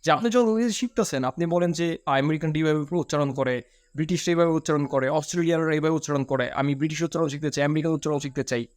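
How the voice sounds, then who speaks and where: A man's voice: on the high side, fast, no room sound, clean studio sound. A man, giving a chatty spoken lesson as an English teacher and correcting himself as he goes. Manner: chatty, self-correcting, addresses listener as brother. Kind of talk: casual spoken lesson to camera.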